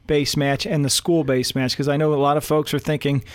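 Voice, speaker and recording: A man's voice: on the high side, flat delivery, fairly quick, clean tone, dry recording, clean studio sound. A male talk-show host telling stories in a friendly, casual way.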